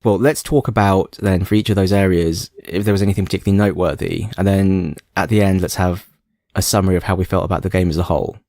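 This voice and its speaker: A man's voice: deep voice, steady tone, quick pace, dark tone, dry recording, studio quality. A young man co-hosting a podcast in casual chat, playful and self-mocking with a snarky streak. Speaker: podcast co-host.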